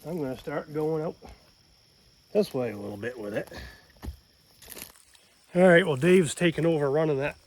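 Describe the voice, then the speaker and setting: Out at a rural camp in the woods, an amateur radio hobbyist hosting a homestead vlog chats casually and narrates a hands-on job while working, trading dry, teasing banter. His voice is fairly high, his pace moderate with long pauses, and the audio is poor.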